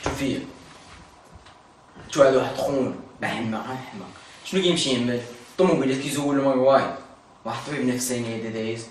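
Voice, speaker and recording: A man's voice: mid-range voice, rapid-fire, pauses often. A young man with a Moroccan accent chatting casually with friends in a living room. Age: young adult. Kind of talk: casual chat. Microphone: far camera. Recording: very echoey room, distant mic, noisy.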